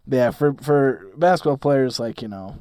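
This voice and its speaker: Sick male co-host in his 20s, rough deep voice, deadpan, dry close mic. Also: unhurried, dry recording. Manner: dry self-deprecating humor. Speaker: podcast co-host. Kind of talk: casual sports podcast chat.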